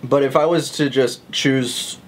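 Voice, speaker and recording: A man's voice: medium pitch, steady tone, measured pace, slight background noise. A man in a studio casually giving his thoughtful take on microphones. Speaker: audio engineer friend. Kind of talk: casual chat. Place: studio room.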